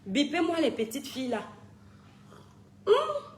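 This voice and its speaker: Female live-stream host, scolding and laughing often; higher voice, a faint hum behind it. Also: a little slow. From Cameroon. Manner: animated, scolding, laughs often, calls viewers "mes étoiles". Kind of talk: casual live stream chat, greeting viewers. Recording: echoey room with faint background noise.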